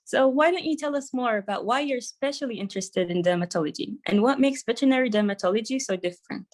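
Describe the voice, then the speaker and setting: A woman's voice: fairly high pitch, quick pace, a little mellow. A young woman co-hosting a podcast, reading prepared interview questions in an eager, upbeat way. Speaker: podcast co-host.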